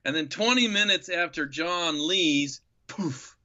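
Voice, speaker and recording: A man in his fifties from Nebraska, a podcast guest telling a travel story with animated enthusiasm. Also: on the high side, slow, dull audio. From Nebraska, USA. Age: 50s. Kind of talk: storytelling interview.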